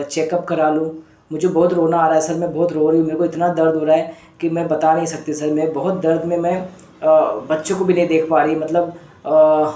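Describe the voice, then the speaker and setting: A man's voice: a little high, dark tone, lightly acted. A man voicing a distressed woman patient in pain, pleading and repeating herself, calling him sir. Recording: echoey room.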